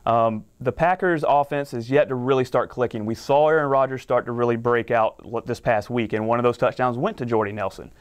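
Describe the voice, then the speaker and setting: A man's voice: mid-range voice, steady tone, brisk, few pauses, smooth. A man, a fantasy sports analyst, explaining picks confidently in a studio sports talk show.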